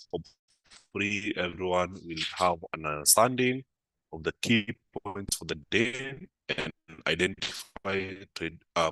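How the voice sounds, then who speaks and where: His low-pitched voice sounds pushed and bright, a bit off from a flu, and the recording is low quality with no echo. He's hosting a live market analysis stream, answering comments unhurriedly and saying "uh" often.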